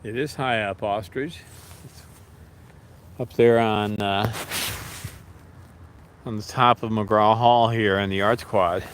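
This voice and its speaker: A man's voice: lowish voice, takes it slowly, long pauses, a little hiss or hum. Rambling man chatting casually on a livestream. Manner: relaxed, rambling, talks to pets and viewers.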